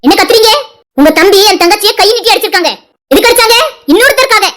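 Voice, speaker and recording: A woman's voice: very high voice, very fast, background noise. A woman voicing an angry pregnant young wife in a cartoon drama, accusing and sarcastic. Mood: furious.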